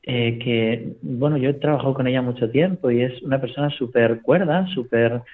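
Priest, radio guest by phone line, mid-pitched, storytelling, leans on "¿no?". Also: male voice, moderate pace. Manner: storytelling, constant tag question "¿no?". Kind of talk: reflective spiritual talk on radio.

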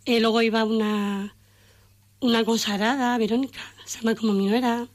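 A woman's voice: fairly high pitch, flat delivery, moderate pace. Chatty middle-aged woman. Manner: warm storytelling, emotional, quotes family in dialogue. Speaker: radio guest. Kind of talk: casual radio chat.

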